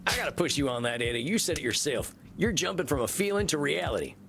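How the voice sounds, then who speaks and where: An actor playing a steady, frank cowboy vampire therapist in a video game. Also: male voice, fairly high pitch, fast talker, vocal fry, over music. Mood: firm, gentle. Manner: folksy, frank, gently challenging.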